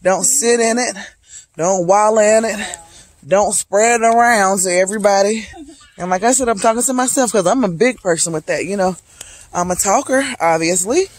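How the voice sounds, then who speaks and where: With a medium-pitched voice at a moderate pace, a woman in her late thirties from Charlotte, North Carolina vlogs from a wooded hiking trail. She holds her phone at arm's length and talks to "y'all" in a chatty, reflective, motivational manner.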